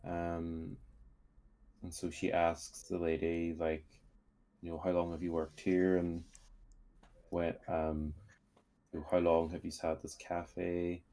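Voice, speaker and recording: A man's voice: deep voice, completely flat delivery, slow, long pauses, mellow. A man playing a tabletop game, musing aloud with many hesitations and fillers. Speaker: player. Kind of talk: casual tabletop game chat.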